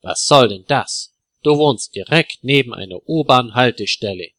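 A man's voice: medium pitch, expressive, moderate pace, a bit bright, no echo, studio quality, close to an everyday voice. A man voicing an indignant older father. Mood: angry. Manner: indignant, lecturing. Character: older father scolding his grown son.

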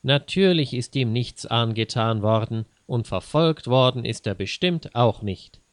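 A man narrating a story in a measured, deliberate reading. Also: mid-range voice, animated, no echo.

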